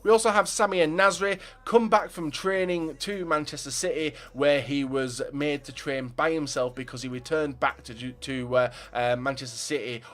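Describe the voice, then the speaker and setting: A man's voice: fairly high pitch, steady tone, moderate pace, few pauses, fairly bright tone. A young man chatting through football transfer news for his viewers, opinionated and full of fillers. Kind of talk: casual commentary to viewers.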